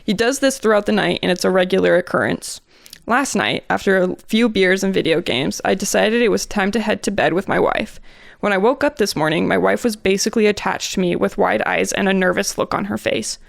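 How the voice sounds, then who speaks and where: Young woman podcast host, fry in her voice, chatty, reads stories out loud. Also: medium pitch, fairly quick, dry recording, clean studio sound. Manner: giggly, chatty. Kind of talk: casual chat and reading stories aloud.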